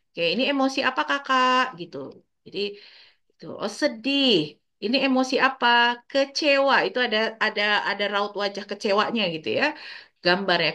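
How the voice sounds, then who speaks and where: A woman speaking gently to parents in a parenting class, explaining step by step and acting out sample phrases for children. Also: medium pitch. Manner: frequent filler tags like "gitu ya". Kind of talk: informal parenting talk to parents.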